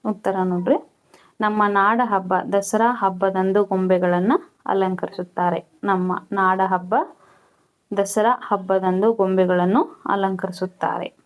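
A woman teacher, slowly reading out questions and answers and repeating each one for students to copy. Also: mid-range voice, level tone. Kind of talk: slow dictation-style Kannada lesson.

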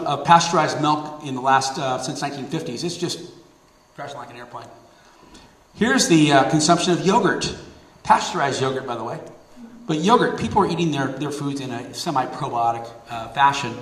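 A middle-aged man giving a public talk and taking audience questions, energetic and fond of repeating words for emphasis. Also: mid-range voice. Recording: roomy hall, mic at a distance.

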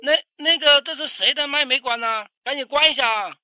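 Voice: high voice, a little fast, bright, forceful tone, no echo. A performer voicing an exasperated, stern, hectoring schoolteacher in a comic cartoon skit.

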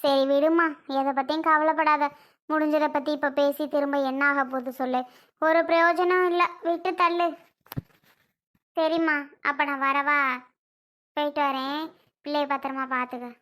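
A woman playing a stern but caring aunt, very high voice. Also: steady tone, normal speed, long pauses, a bit bright. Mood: comforting. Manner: scolding, comforting, in colloquial speech. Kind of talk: village family drama skit.

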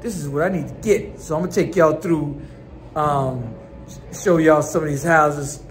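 A man's voice: on the high side, moderate pace, faint music behind. A man in his forties with a Chicago accent, talking casually and slangily to a phone held at arm's length while touring houses and bars. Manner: laid-back, slangy street talk. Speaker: vlogger. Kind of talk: casual vlog tour. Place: various, car, bar and indoors.

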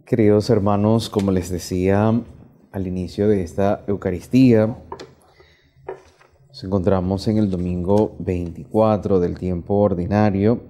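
A man in his thirties, a priest, reading the gospel and preaching a homily in a measured, teaching way with repeated questions to the congregation. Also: on the low side, mellow. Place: small indoor chapel.

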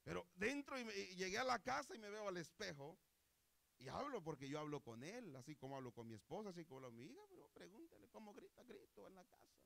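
Lively gravelly-voiced man preaching. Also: high-pitched, quick pace. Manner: animated preaching with rhetorical questions. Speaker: pastor. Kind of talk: sermon. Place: church.

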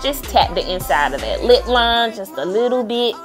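A woman's voice: on the high side, very animated, normal speed. A woman giving a casual makeup tutorial in a sassy, playful manner, talking straight to her viewers. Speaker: beauty vlogger. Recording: music playing behind the voice. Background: background music.

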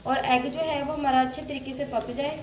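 A woman hosting a cooking channel, calmly explaining each step of a recipe in a voice-over while she cooks at home. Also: high-pitched, a little fast, slight background noise. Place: home kitchen.

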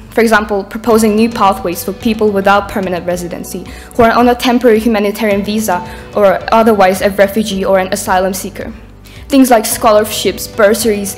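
On a darkened conference stage, a teenage student from Ukraine stands at a lectern reading her earnest speech from notes. Her medium-pitched voice intensifies as she nears the end.

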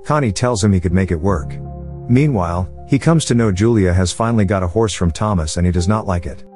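A man reading a scripted movie recap as narrator, with a steady, even storytelling delivery. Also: low voice, brisk, faint music behind.

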